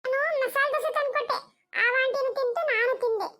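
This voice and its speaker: A woman voicing a timid little girl in a cartoon, speaking in a high, pleading childish voice. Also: a little fast, bright, forceful tone. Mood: confessing. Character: small girl, timid and secretive.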